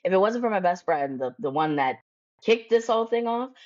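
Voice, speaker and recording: A woman's voice: medium pitch, animated, fairly quick, a little mellow, no room sound, lo-fi sound. A woman from the United States, a career coach and podcast guest, talking boldly and bluntly in casual conversation and laughing often.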